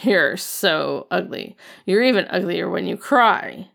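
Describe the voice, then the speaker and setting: A woman reading an audiobook and voicing a sly, scornful young man who talks in a flat, teasing, sneering way. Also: medium pitch, measured pace, gravelly, exaggerated voice. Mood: mocking.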